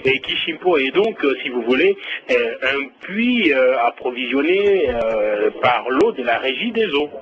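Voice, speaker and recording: A man's voice: mid-range voice, sing-song, unhurried. A man, reporting live as a radio correspondent, hesitant with many fillers and restarts. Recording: dull lo-fi radio link.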